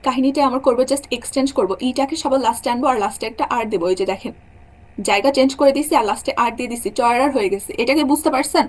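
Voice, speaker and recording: A young woman with a high-pitched voice speaks in rapid bursts while giving an online German lecture. She walks through the rules step by step and frequently checks that her students are keeping up.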